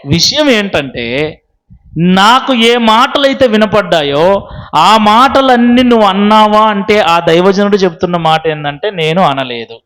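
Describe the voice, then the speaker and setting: A male pastor preaching a sermon with a Telugu accent, firing sharp rhetorical questions at his listeners. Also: sits high, expressive, a little slow.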